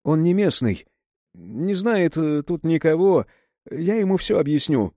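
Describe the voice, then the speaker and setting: A man voicing a nervous young man who talks in a hurried, placating way. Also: on the high side, very animated, mellow, no echo, clean studio sound, voice pushed up. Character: nervous eager young man smoothing things over.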